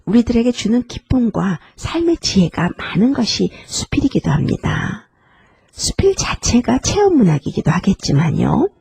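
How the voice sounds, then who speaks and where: Husky, breathy woman hosting a literary show. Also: very animated, moderate pace, dry recording. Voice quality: breathy, husky, with some vocal fry. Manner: gentle, earnest, lets the pitch rise and fall widely. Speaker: literary podcast host. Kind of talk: reflective talk on an essay.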